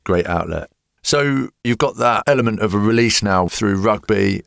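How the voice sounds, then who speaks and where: A man's voice: on the low side, moderate pace, gravelly, a bit bright, no room sound, clean studio sound. A man hosting a podcast, asking reflective, probing questions of his guest. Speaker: podcast host. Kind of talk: interviewing. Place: podcast studio.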